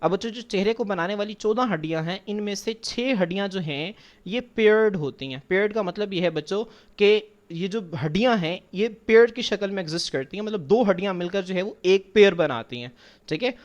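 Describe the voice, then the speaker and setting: His voice sits high and his pace is fairly quick as he teaches a biology class over slides. The man is patient and repetitive, answering questions he raises himself, calling the students children, and mixing in English science terms.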